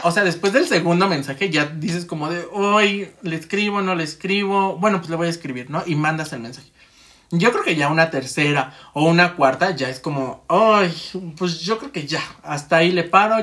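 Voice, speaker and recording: This speaker is chatting casually, wandering from thought to thought while performing their inner monologue aloud and laughing a lot. The voice is medium in pitch, somewhat bright, and expressive, at a normal speed.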